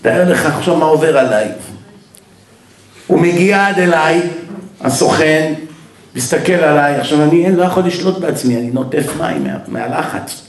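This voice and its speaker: A man, a rabbi, giving a Torah lecture as a lively story and acting out each person's lines as he goes. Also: a little high, roomy sound. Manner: animated storyteller who acts out the dialogue. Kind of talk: storytelling sermon.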